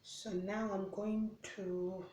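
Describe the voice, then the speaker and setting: Slow-talking Ugandan-born woman in a kitchen. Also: medium pitch. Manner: relaxed, chatty, narrating tasks step by step. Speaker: vlogger. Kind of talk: casual kitchen vlog narration. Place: home kitchen. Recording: echoey room, mic at a distance, noisy background.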